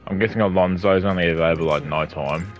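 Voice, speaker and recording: A man's voice: sits low, fast, faint music behind. A man streaming a video game, chatting casually and thinking aloud as he plays and reads the lines. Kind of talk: casual gaming commentary.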